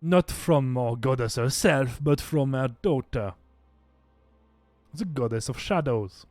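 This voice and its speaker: A man voicing a solemn, wary woman who guards the clans, speaking slowly and with hesitant pauses. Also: mid-range voice, animated, darkish tone, no room sound. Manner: slow, measured, hesitant.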